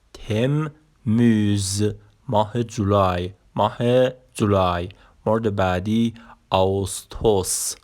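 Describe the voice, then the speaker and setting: Man, language teacher, slow repetitive drilling, lowish voice. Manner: slow, repeating each word for learners. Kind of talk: Turkish vocabulary lesson.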